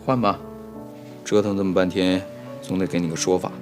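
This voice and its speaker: An actor playing a flustered young master of a household in a comedic period TV drama, scolding and coaxing by turns in an exasperated way. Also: male voice, sits low, flat delivery, brisk, lightly acted. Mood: lecturing. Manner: exasperated, scolding, jumps between coaxing and alarm. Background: background music.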